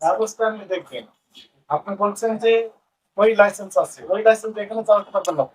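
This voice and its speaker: A man's voice: high voice, fast, rough recording. A Bangladeshi man working as a consumer rights officer, sternly questioning a bakery owner on the spot during an inspection. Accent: Bangladeshi Bengali. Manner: stern, probing, repeats questions. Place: bakery premises, indoors.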